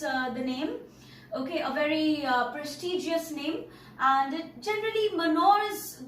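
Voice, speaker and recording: A woman teaching an English story lesson, explaining words slowly and checking in with "okay" and "all right". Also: sits high, a bit bright. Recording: roomy, distant mic, faint noise.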